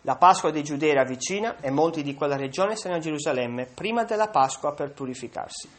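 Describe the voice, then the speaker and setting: A man's voice: a little high, fast talker. Man reading scripture aloud in a sermon. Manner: reads scripture aloud, then explains it; occasional slips and restarts while reading. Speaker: preacher.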